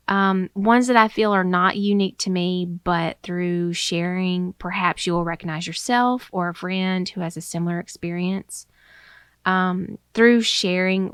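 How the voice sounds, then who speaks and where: A woman's voice: fairly low pitch, clean tone, no room sound, studio quality. A young woman hosting a casual solo podcast, a little out of breath, rambling with lots of ums and restarts. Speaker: podcast host.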